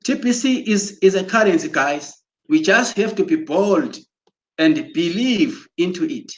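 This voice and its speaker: A man giving an excited promotional talk, exhorting listeners and often restarting his words as he goes. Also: sits high, a little slow. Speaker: broadcaster.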